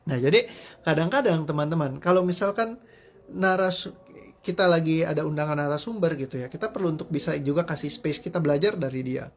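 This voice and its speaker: Chatty coach with a high voice. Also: male voice, brisk. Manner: chatty storytelling, self-deprecating, often laughing; conversational, sprinkles agreement tags. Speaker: motivational coach. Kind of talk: live-streamed coaching talk.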